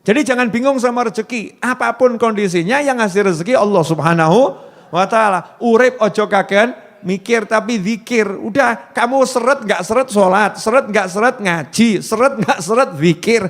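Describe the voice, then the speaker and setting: A man's voice: high voice, moderate pace, a bit bright, long reverb tail. A man giving a humorous sermon to a gathering, sing-song and playful, acting out little prayers. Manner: humorous, sing-song, mixes in Javanese phrases, acts out prayers. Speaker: preacher.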